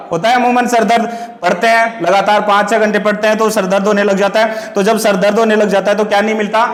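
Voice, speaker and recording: A man with a fairly high voice teaches a class in a question-and-answer rhythm. He drills his students, repeating each answer and spinning wordplay into memory tricks. The recording has a roomy echo with a long reverb tail, as in a bare classroom. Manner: asks questions and answers them himself, repeating key words.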